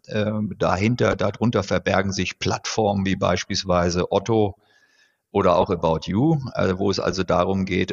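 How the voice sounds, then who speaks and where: A middle-aged man with a very low, gravelly voice speaks in standard High German. He explains things slowly and carefully, filling pauses with hesitation sounds. The recording sounds dull and lo-fi. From born in South Africa, raised in Germany. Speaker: guest, former executive. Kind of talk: conversational podcast interview.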